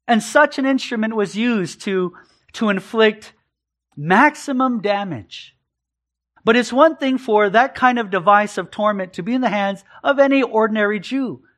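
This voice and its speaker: This pastor's voice is notably high and a bit bright as he gives an expository sermon from the pulpit. Earnest and emphatic, he keeps returning to a repeated phrase to drive the message in.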